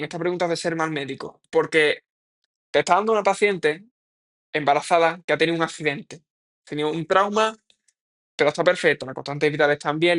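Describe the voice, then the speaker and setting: A man's voice: a little high, a bit bright. A young man, a medical student talking through practice exam questions, thinking aloud, scolding himself and swearing casually.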